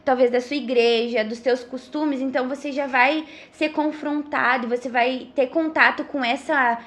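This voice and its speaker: Her voice is clearly high, slightly bright, and fairly level as this thirty-year-old Brazilian guest explains things on a podcast. She keeps it casual and sincere, hesitating here and there and tagging her phrases for agreement.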